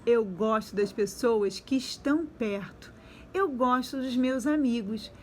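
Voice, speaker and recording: A woman teaching young children to read and spell, sounding out syllables slowly and clearly. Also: fairly high pitch, a little hiss or hum. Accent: Brazilian Portuguese. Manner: slow, drawn-out sounding-out of syllables. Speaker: primary school teacher. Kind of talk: remote reading and spelling lesson for young children.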